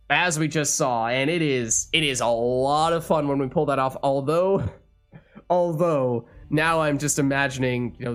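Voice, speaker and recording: In this let's play, a male YouTuber narrates his card game run with an analytical mind and animated, swinging pitch. His voice hasn't fully recovered and carries a slight strain.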